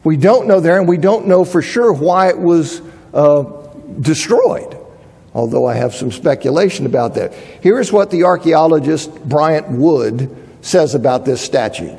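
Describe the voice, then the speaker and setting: A Bible teacher giving a lecture, reasoning aloud and often restarting his sentences. His voice sits a bit high, husky and mellow. It rings with the long reverb of a large hall. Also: animated, measured pace. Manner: thinking aloud, restarts, reads quotes aloud. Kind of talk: lecture on biblical archaeology.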